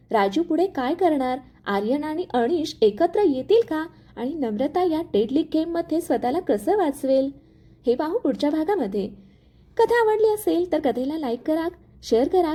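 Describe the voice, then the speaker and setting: A woman reading a dramatic story aloud in an expressive, scripted way. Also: sits high.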